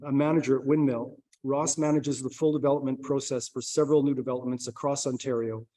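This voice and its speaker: A man's voice: mid-range voice, dark tone, rough recording. A man moderating a conference session and introducing the speaker, hesitant at first with many fillers, then reading steadily. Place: conference room.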